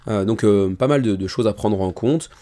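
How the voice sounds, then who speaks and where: A mellow, soft-spoken man hosts a board game crowdfunding video show, talking informally and with self-deprecating humor in a small indoor room. His voice is lowish and tired, kept low and soft to spare it, at a moderate pace. He is about ten centimetres from the microphone.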